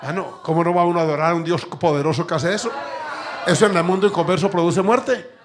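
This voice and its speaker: A middle-aged man with a Colombian accent preaching a sermon, telling stories with emphatic, animated outbursts. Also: high voice, quick pace, background noise. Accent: Colombian Spanish. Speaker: pastor. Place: church.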